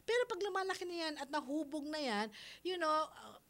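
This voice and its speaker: A woman's voice: high-pitched, expressive, brisk, a bit bright. A middle-aged woman, hosting a radio advice show on parenting in a chatty way, mixing English phrases into her talk and laughing easily. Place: radio studio.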